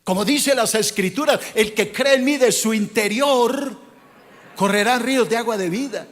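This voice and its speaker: High-voiced pastor preaching in a reverberant hall. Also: male voice, normal speed, fairly bright tone. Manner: scolding, rhetorical preaching with questions to the congregation. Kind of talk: sermon.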